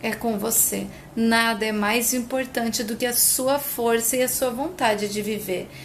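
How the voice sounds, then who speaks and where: An earnest male doctor gently walking a patient through hard news, read by a woman in a soap recap, with a gravelly rasp in the voice. a faint hiss sits behind it. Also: mid-range voice. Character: calm middle-aged male doctor, earnest.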